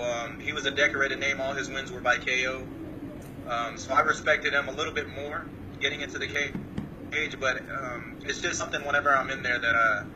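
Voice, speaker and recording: A calm man from Samoa answers questions on a remote call, modest and hesitant, with lots of uhs. He sounds set back from the mic, and clear background noise runs under his voice. His pitch sits mid-range for a man. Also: distant mic. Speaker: guest fighter. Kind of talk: casual interview answers.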